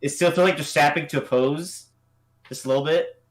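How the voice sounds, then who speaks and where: A young man with a somewhat high voice talks through animation entries on a livestream. He is relaxed and chatty, often laughing and trailing off mid-thought before starting over. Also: fairly quick, a crowd in the background. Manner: laid-back, laughs often, trails off and restarts. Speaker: co-host judging animation entries. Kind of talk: casual livestream chat.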